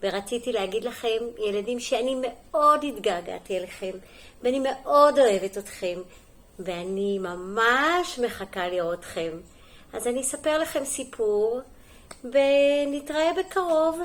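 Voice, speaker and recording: Here a female kindergarten teacher in middle age shares a storybook with young children in a fairly high, expressive voice. The reading is soft and lilting, with pauses for quick questions and little comments.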